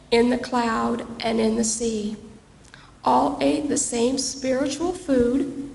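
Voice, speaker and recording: A woman reading scripture aloud as a church lector, measured and formal, with a creaky voice. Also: fairly high pitch. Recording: echoey church hall, faint background noise.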